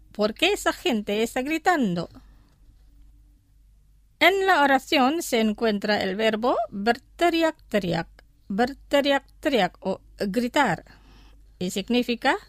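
A woman teaching vocabulary in a scripted radio lesson, pronouncing each word slowly and repeating it carefully. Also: fairly high pitch, no echo, clean studio sound. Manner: slow, careful pronunciation with repetitions. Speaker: language teacher.

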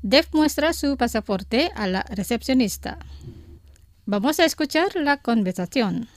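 A woman's voice: on the high side, animated, a little slow, no echo. A woman presenting a radio language lesson, reading from a script and carefully saying each phrase twice so that listeners can repeat it.

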